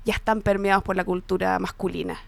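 A woman's voice: mid-range voice, little pitch movement, brisk, gravelly, dry recording. A Chilean woman co-hosting a radio show, chatting and reading out quotes. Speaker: radio co-host. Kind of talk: casual radio chat.

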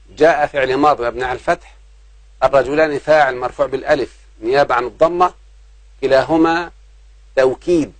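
A male teacher with a lilt works through a grammar lesson, repeating each key point and asking the class questions before he answers them. His voice sits at an ordinary pitch for a man. The recording is close and dry, with no room echo. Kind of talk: grammar lesson explaining a text.

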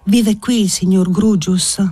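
Scared young woman begging for protection, male narrator doing her, a bit higher, husky soft voice. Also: steady tone, slow pace, no echo, soft background music, full character voice. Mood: anxious. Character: frightened young woman fleeing to her guardian.

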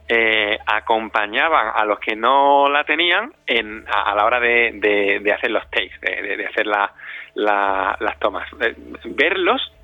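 In a dry, dull lo-fi recording, a man with a mid-range voice answers interview questions. He directs a community radio station and talks conversationally and reflectively, often repeating words as he gropes for phrasing.

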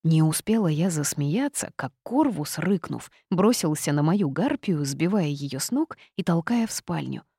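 Woman, audiobook narrator, lower voice, dry studio sound, expressive. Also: a little slow, few pauses, slightly rough, no room sound. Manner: lively, expressive reading. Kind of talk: first-person fantasy narration.

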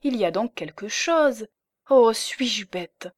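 A woman reading an audiobook, voicing a scheming young married woman who talks in a coaxing, lively way. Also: fairly high pitch, takes it slowly, no echo, studio quality. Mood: probing.

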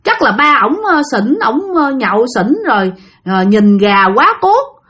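A woman voicing a young adult son in a spoken ghost story, talking in a low, conspiratorial murmur. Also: sing-song, a little slow, fairly bright tone. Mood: scoffing. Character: young adult son, skeptical then secretive.

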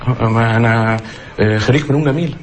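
An actor playing a shy, hesitant younger brother with an Egyptian accent. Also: male voice, medium pitch, racing, a little hiss or hum, close to an everyday voice. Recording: film soundtrack with music behind.

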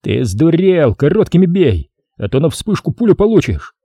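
A man voicing a cocky male riot-police fighter who talks in a gruff, mocking, swearing way. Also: fairly high pitch, sing-song, normal speed, warm tone, no echo, studio quality, voice pushed up, full character voice. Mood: scolding.

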